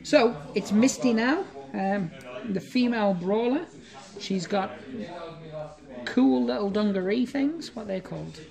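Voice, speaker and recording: A woman's voice: medium pitch, expressive, measured pace, creaky, crowd noise. A woman from England, playing a tabletop wrestling game and doing mock ringside announcing with dry, teasing asides. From northeast England.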